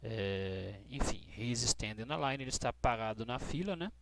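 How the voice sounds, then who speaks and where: A Brazilian man teaching English grammar to students, patient and checking in often with short questions, spelling out letters slowly. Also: mid-range voice, lively intonation, creaky, no room sound. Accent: Brazilian Portuguese. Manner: spells out letters slowly, stressing key words. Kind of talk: explaining grammar rules to students.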